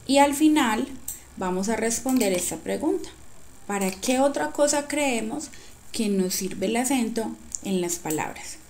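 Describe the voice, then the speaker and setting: A woman's voice: mid-range voice, darkish tone, slight background noise. Patient woman teacher explaining a workbook. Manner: patient and explanatory, with frequent checking questions. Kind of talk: recorded lesson walking through a workbook.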